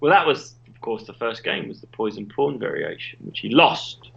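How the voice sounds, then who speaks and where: Animated, excitable man. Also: mid-range voice, normal speed, creaky, highs cut off. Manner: excitable, swears freely, voice leaps up and down. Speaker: podcast co-host. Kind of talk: casual comedic chat. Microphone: remote call.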